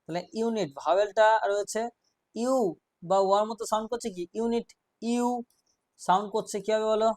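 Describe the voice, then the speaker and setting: A man teaching an English grammar class, explaining rules step by step, quizzing his students and reading example sentences out slowly. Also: sits high, steady tone, no echo, clean studio sound.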